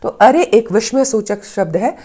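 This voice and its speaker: A woman's voice: a little high, expressive, normal speed, dark tone. A woman teaching Hindi grammar in a patient lesson, repeating her example sentences and stressing the key words. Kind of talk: explanatory lesson.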